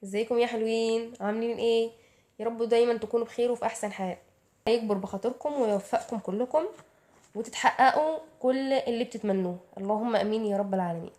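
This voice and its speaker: Speaking fast in a slightly high, mellow voice, this woman offers relaxed study advice to her audience in an Egyptian Arabic accent. The YouTuber is chatty and tends to answer her own rhetorical questions.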